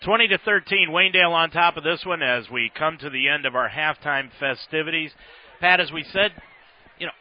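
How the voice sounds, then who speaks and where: Slightly high and a little fast, this American man's voice carries sportscaster commentary as he hosts play-by-play on a football radio broadcast, whose sound is a bit dull.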